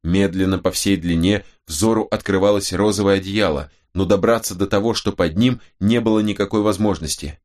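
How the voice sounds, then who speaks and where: In a very deep, low voice, a male narrator reads a novel aloud for an audiobook from a script, keeping his delivery steady and measured the whole way through.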